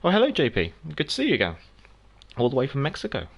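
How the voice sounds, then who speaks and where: A South African man, Afrikaans being his first language, hosts a gaming livestream and chats casually with viewers as he plays, reading out their names and answering them. His voice sits at a medium pitch with huge swings, and he talks quickly.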